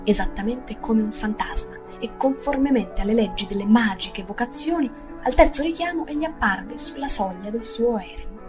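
A woman narrates a classic story in a measured, expressive reading. Her voice sits a little high, and some phrases sink almost to a whisper. Faint music plays underneath. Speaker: audiobook narrator. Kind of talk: literary audiobook reading.

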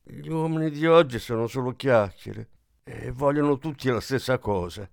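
A man voicing a young maid in an audiobook, speaking high and sharp, with a bitter edge. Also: moderate pace, gravelly, no room sound, clean studio sound, natural voice. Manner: high-pitched, cries out. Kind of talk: audiobook character reading.

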